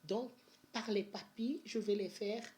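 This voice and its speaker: Woman vlogger, Benin-born, chatty and energetic, casual advice talk. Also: medium pitch, unhurried. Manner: chatty and energetic, with many fillers and restarts. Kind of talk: casual money-saving advice vlog.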